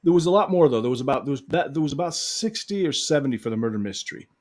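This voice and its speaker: This hypnotist co-host talks very fast, with a medium-pitched, darkish voice and lively intonation. He's part of a casual live-stream of an online hypnosis show on a video call, rambling with plenty of fillers and restarts.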